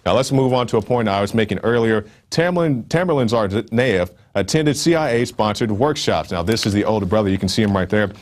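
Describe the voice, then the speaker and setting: A man with a very low voice hosts his own news commentary show. He talks emphatically and loosely, with casual asides and frequent "uh"s between his points. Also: brisk, few pauses. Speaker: online show host.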